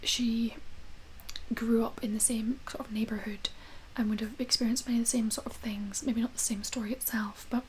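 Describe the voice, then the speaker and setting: A woman doing a whispered role-play as a librarian, speaking gently and hesitantly in a soft, breathy whisper. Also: fairly high pitch, little pitch movement, moderate pace, a little hiss or hum, poor audio. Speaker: ASMR creator playing a librarian recommending books.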